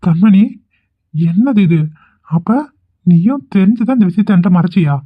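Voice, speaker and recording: A man's voice: high-pitched, moderate pace, dry recording. A man voicing an earnest, caring young husband in a cartoon. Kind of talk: cartoon voice acting. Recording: thin phone-like recording.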